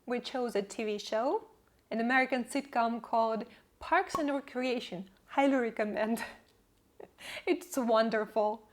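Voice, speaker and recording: A woman's voice: on the high side, measured pace. A woman whose first language is not English, telling the story of her English learning in an upbeat, reflective vlog. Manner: reflective, upbeat, laughs between points. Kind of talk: personal vlog narration.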